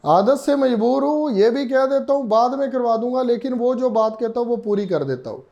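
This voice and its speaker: A male teacher, explaining a reasoning lesson slowly, repeating himself and asking and answering his own questions. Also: very high voice, animated, gravelly, dark tone, dull audio.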